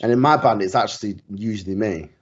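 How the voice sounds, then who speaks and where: A man's voice: on the low side, fast talker, lo-fi sound. A man co-hosting a casual band podcast, rambling with restarts and frequent giggles, recorded at home on a secondhand microphone. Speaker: podcast co-host. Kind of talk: casual chat. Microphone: secondhand desktop microphone.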